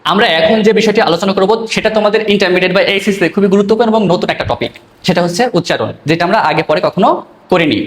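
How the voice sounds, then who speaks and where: A man's voice: high-pitched, rapid-fire, reverberant. A male teacher giving an exam-prep lesson, explaining step by step and asking questions he then answers himself.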